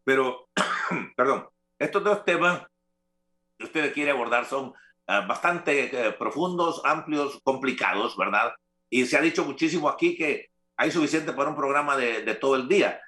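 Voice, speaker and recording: A man's voice: mid-range voice, expressive, normal speed, bright, forceful tone, echoey room. A man, a guest speaking hesitantly with many fillers in an interview. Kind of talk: remote interview commentary.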